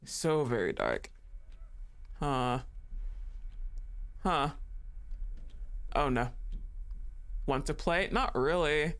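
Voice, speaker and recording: Extremely slow and pausing often, this man's voice is on the high side, fairly bright, with lively intonation. He's casually commentating a horror game live, joking around, swearing freely, and responding to the characters on screen.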